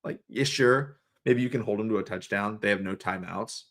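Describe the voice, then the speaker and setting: A man's voice: lowish voice, normal speed, fairly bright tone. A young man ranting on a live stream, frustrated and profane, with lots of fillers and restarts. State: coughing, throat irritated. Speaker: sports fan streamer. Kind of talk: casual live-stream rant.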